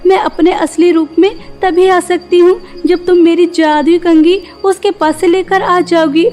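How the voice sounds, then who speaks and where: A woman doing a gentle, pleading fairy bird. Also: extremely high pitch.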